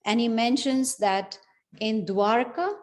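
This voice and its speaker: She speaks slowly, her voice on the high side with a darkish tone. Leading a scripture class, she relates the story in a chatty way, with many asides and "you know" coming up often.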